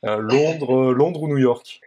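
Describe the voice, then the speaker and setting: A man's voice: medium pitch, unhurried, mellow, highs cut off. Man hosting a casual interview. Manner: friendly, informal questioner with frequent hesitations. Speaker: interview host. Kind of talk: casual interview, rapid-fire questions.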